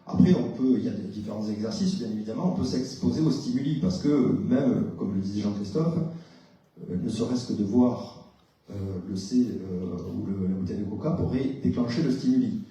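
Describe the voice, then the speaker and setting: A man's voice: lowish voice, expressive, moderate pace, dark tone. A man, a psychologist, giving a conference talk, explaining step by step, putting questions to the audience and often hesitating with "euh". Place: lecture hall, indoors. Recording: very echoey hall, distant mic.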